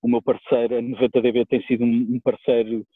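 A man with a European Portuguese accent gives wordy, casual answers as a guest. His voice is husky and mid-pitched, and he talks very fast. It comes through a thin, phone-like connection. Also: flat delivery. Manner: colloquial, wordy. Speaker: guest, musician and DJ. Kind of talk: casual conversational interview answers. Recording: tinny, phone-like radio line.

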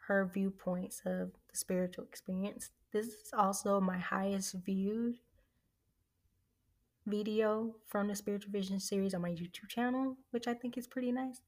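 A woman's voice: medium pitch, a little mellow. A woman hosting a podcast, giving a chatty, eager introduction with casual fillers. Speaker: podcast host.

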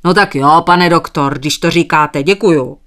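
A woman's voice: deep voice, a bit bright. A woman voicing a stubborn, polite old male sheep farmer who keeps thanking the doctor, read in an audiobook. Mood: sly.

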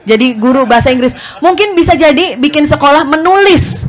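A woman moderating a book talk Q&A, friendly and brisk, politely calling on speakers. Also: high voice, lively intonation. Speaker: event moderator.

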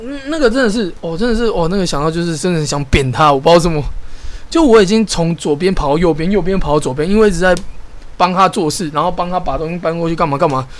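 Man, podcast co-host, casual storytelling, exasperated, quick. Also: on the high side. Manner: animated, exasperated ranting with restarts.

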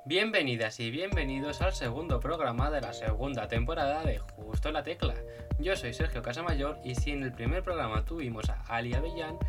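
Male podcast host. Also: mid-range voice. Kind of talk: podcast interview.

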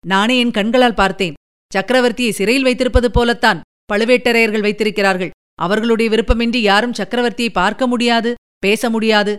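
A woman's voice: a little high, steady tone, brisk, clear, resonant tone, lightly acted. A woman voicing a loyal, spirited young male warrior who speaks earnestly and emphatically.

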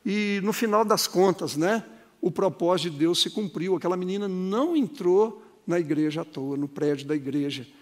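A man's voice: sits high, normal speed. A man, preaching a sermon and telling a story in a dramatic, swooping way, heard in a long reverberant hall. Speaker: pastor.

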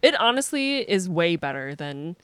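A woman's voice: on the low side, sing-song, moderate pace, fairly bright tone, clean tone, dry recording, clean studio sound. An American woman co-hosting a podcast, in casual chat full of teasing, laughing banter. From United States. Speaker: podcast co-host.

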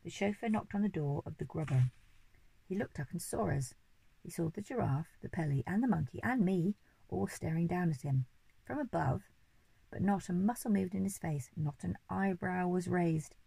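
Expressive storybook reader, husky low-ish voice, dry and close. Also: female voice, moderate pace, dry recording, rough recording. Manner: expressive, lively reading. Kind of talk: storybook reading aloud.

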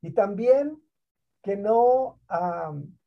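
A middle-aged man from Mexico, a guest on a talk program, telling his story in an animated, emphatic way and dropping in English words. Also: high voice, very slow. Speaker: guest, school district program director. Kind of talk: conversational interview storytelling. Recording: dull lo-fi online call audio.

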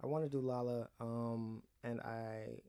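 A young man co-hosting a podcast in laid-back, measured casual chat. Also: mid-range voice, steady tone, warm tone, smooth. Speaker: podcast co-host.

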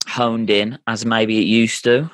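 A man's voice: lowish voice, level tone, a little slow, a bit bright, no room sound, clean studio sound. A man in his thirties hosting a casual family chat, earnest and often restarting his sentences. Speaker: podcast host.

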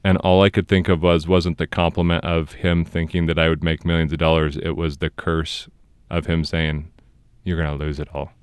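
A man in his thirties hosts a casual podcast, telling a personal story in an earnest way. His voice sits very low and comes across clean and smooth. The sound is close and dry, with no room around it. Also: level tone, normal speed, dry recording. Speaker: podcast host.

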